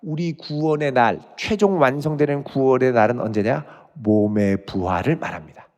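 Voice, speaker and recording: A man's voice: mid-range voice, moderate pace, a little mellow. A male pastor giving an expository sermon, reading scripture aloud and explaining it verse by verse. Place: church sanctuary. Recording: church sanctuary with long reverb.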